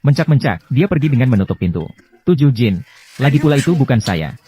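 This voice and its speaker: A man's voice: medium pitch, big pitch swings, brisk, warm tone. A man reading every role of a dubbed drama, switching between the parts as the lines go. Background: drama score music.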